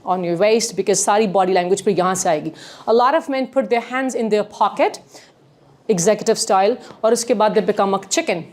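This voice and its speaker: A woman teaching a workshop on communication, switching between English and Urdu in quick, lively bursts. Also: mid-range voice. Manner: animated, mixes English and Urdu, rapid bursts. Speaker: communication skills trainer.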